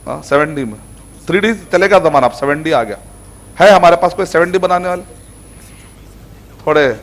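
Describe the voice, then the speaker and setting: High-voiced man giving a casual religious lecture. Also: moderate pace. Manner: conversational, repeats phrases, mixes English words. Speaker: Islamic scholar teaching Quran themes.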